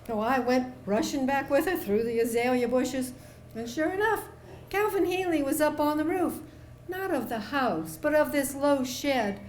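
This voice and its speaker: A woman telling it as a calm, folksy older neighbor lady. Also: sits high, reverberant, slight background noise, pitched above the performer's own voice, natural voice. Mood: recounting. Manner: unhurried, homespun storytelling with down-home phrasing.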